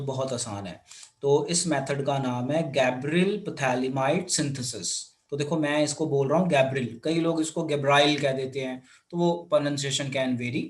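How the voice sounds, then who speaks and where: A man teaches chemistry in a lecture, and his voice sits a little higher than most men's. He walks through each step, says the key points again and coaxes his students to note them down. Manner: explains step by step, repeats key points, addresses students as "beta". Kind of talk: classroom lecture.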